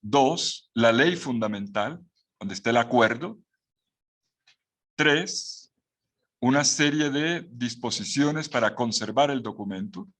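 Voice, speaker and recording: A man's voice: medium pitch, lively intonation, slow, fairly bright tone. Man teaching a Bible course. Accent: Latin American Spanish. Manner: explanatory, with rhetorical questions and restarts.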